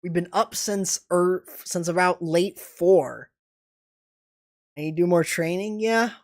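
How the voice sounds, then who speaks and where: A young esports commentator and streamer calls a video game match live, excitable and quick to burst into sudden exclamations. His high voice is strained and beginning to go hoarse.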